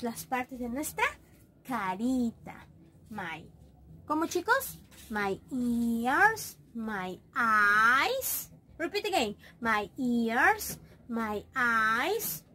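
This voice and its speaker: A woman teaching a lesson to small children, coaxing them slowly and drawing out each word she repeats. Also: high-pitched, bright, forceful tone, a little hiss or hum. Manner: slow, coaxing, drawn-out repetition of words. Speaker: preschool teacher.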